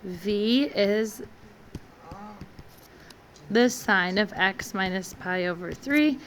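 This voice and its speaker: A woman's voice: mid-range voice, very slow, fairly bright tone, a little hiss or hum. A woman teaching math in a classroom, walking through each step and asking the class encouraging questions. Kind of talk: classroom lecture.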